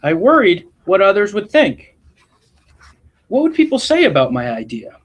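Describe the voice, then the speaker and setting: Here a man with a high-pitched voice reads a picture book to schoolchildren as a principal might. His storytelling is expressive and unhurried in a deliberate way, dotted with brief asides.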